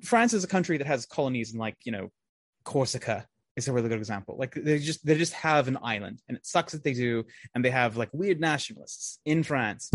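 A man chatting as a podcast guest, full of restarts, asides and casual swearing. His voice sits in an ordinary middle pitch. The recording is close-miked and dry, with no room sound. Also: a little fast, no echo. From raised partly in America, partly overseas. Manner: animated, rambling, self-interrupting, swears freely. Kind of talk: casual interview chat.

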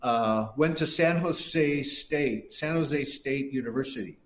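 An older man takes it slowly in a medium-pitched voice. He's a guest musician telling long, wandering stories in a relaxed interview, restarting sentences often, and the recording carries a roomy echo.

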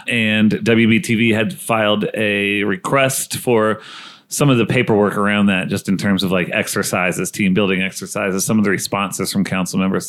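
A man's voice: fairly low pitch, fairly bright tone. A man hosting a casual interview, rambling a little and searching for his words. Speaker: podcast host.

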